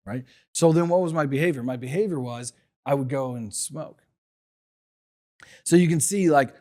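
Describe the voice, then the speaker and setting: A man's voice: medium pitch, darkish tone. Male podcast host, middle-aged, solo motivational talk, reflective, rhetorical questions, mid-range voice. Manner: reflective, asks rhetorical questions, talks from personal experience.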